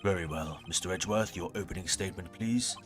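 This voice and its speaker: A man's voice: low-pitched, fast, over music, close to an everyday voice. A man voicing a grumpy, formal old male judge from a courtroom video game in an old man voice. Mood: stern, formal. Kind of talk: video game character read-aloud.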